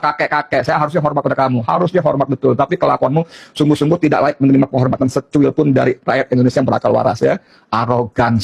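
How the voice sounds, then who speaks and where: A man's voice: on the high side, vocal fry, breathy edge. A middle-aged man delivering a heated political monologue, combative and mocking, repeating his points and scolding his target directly. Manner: addresses target directly and scornfully. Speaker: political commentator.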